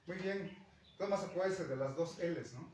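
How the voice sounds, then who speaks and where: A man's voice: a little high, moderate pace, darkish tone. Mexican man teaching in an echoey classroom. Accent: Mexican Spanish. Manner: patient, checks in with "¿no?" and "¿sí?". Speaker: Nahuatl language teacher. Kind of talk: classroom explanation. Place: school classroom. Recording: echoey classroom, distant mic, faint noise.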